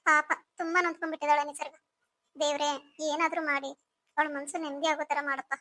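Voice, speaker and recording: A woman's voice: high-pitched, level tone, fast, bright, forceful tone, no echo. A woman voicing a caring older sister figure in a cartoon story, coaxing and soothing as she talks.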